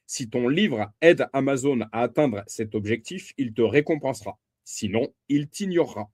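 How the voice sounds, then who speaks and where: A man's voice: mid-range voice, animated, moderate pace, a little mellow, dry recording, clean studio sound. A man reading a self-publishing book summary aloud, speaking to the listener directly, stressing key terms and correcting small slips. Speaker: book reader and reviewer.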